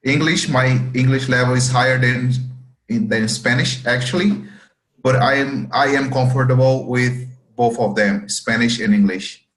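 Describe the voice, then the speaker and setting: A student data engineer whose first language is Portuguese answers interview questions carefully, repeating words as he searches for the right ones. His mid-range voice is a bit bright and unhurried, and the poor audio is reverberant. He has a Portuguese-speaking accent.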